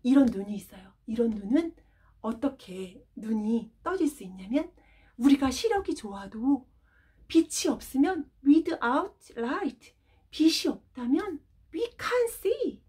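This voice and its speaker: A woman preaching to children in Sunday school, telling a bible story in an animated, emphatic way and asking the kids questions. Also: sits high, takes it slowly, husky.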